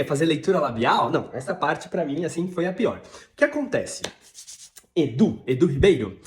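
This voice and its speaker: A Brazilian man with a fairly high, lively voice teaches English pronunciation and pushes back hard on his critics. He argues his point with emphasis and stretches out each example word. The room around him sounds echoey. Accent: Brazilian Portuguese. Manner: emphatic, argumentative, drawn-out example words. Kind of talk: video lesson answering criticism.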